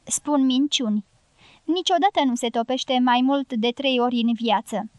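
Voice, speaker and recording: A bossy, forceful matriarch from an audiobook, as a woman narrator puts her on. She snaps short scolding retorts in a high voice. The sound is close and dry. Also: no echo, natural voice. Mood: knowing.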